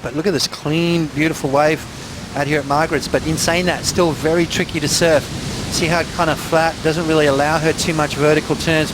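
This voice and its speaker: A man giving conversational, laid-back surf replay analysis, explaining each move as it happens. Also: fairly high pitch. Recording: clear surf noise behind. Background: ocean waves.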